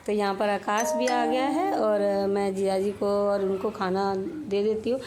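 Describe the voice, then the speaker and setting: A woman's voice: mid-range voice, a little slow. A middle-aged woman with a slightly sore throat, chatting casually over her home cooking and cleaning footage. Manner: chatty, homely, explains while working. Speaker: home vlogger.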